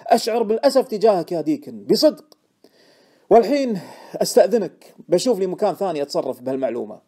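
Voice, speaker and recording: A man with a Gulf Arabic accent voicing an excitable, insistent male stock tipster in an audiobook. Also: fairly high pitch, normal speed, voice pushed up. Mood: sulking. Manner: insistent, indignant, loud. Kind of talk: audiobook character voice.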